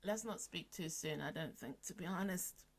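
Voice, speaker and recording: Woman, low voice, casual podcast co-host, chatty, laughs a lot. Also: normal speed. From London. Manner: chatty, laughs often, trails off and restarts. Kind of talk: casual chat.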